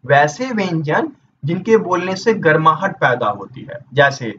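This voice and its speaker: A fairly high-voiced man teaches an exam-prep grammar lesson, posing questions and answering them himself as he works through each point. He sits some way from the microphone. The sound is a little dull, with a faint hiss behind him. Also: very animated, a little slow, fairly bright tone. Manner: explains step by step, asks and answers his own questions. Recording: dull distant mic with faint noise.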